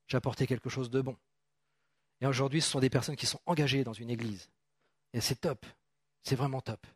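A man's voice: mid-range voice, dry recording, studio quality. A man preaching an informal sermon, reading Bible verses and talking chattily with his congregation, often repeating phrases. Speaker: pastor.

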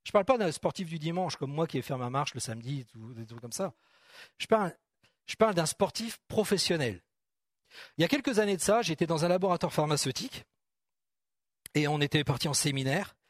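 A middle-aged man preaching a sermon in a church hall, animated and asking the congregation questions directly. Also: a little high, fairly quick, studio quality.

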